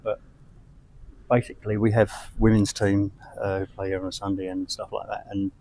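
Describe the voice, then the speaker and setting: A man's voice: fairly low pitch, little pitch movement, moderate pace, dark tone, a little hiss or hum, low-quality recording. A man giving a casual guided tour and answering questions in a hesitant, understated way. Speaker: football club representative, tour guide.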